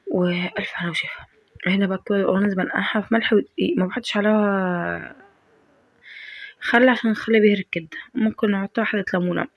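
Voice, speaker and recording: A woman's voice: medium pitch, gravelly, dry recording, muffled recording. A woman with an Egyptian accent chatting casually through a cooking vlog, her voice stuffed up by a head cold. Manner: chatty, talks to viewers directly. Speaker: home cook vlogger.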